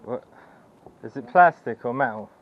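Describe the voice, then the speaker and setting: A man's voice: mid-range voice, lively intonation, moderate pace. A British man working as a scrap collector, chatting casually with customers outdoors. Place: outdoors on a street. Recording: tinny narrow sound, faint vehicle noise.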